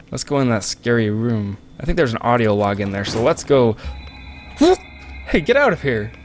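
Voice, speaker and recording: A man's voice: fairly low pitch, a little hiss or hum. A man casually commentating a game on a close microphone, joking and rambling at viewers. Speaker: let's play commentator. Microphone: close desk microphone.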